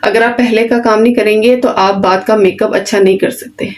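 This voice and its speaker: A woman's voice: medium pitch, fairly even intonation, a little fast. A woman teaching an online beautician course, giving plain, direct instructions and often checking in with "okay". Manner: repeats "ठीक है" often, plain simple explanations. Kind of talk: online class lecture.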